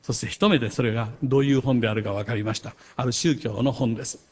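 A man preaching a sermon as a pastor, earnest, swelling louder on key points and dropping softer when telling a personal story. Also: medium pitch, steady tone, fast, breathy edge.

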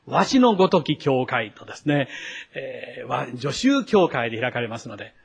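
A man, a pastor delivering a sermon, who acts out the quoted speech with a raised voice and drops to a hush when he turns to the congregation. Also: medium pitch, very animated, normal speed, vocal fry, husky.

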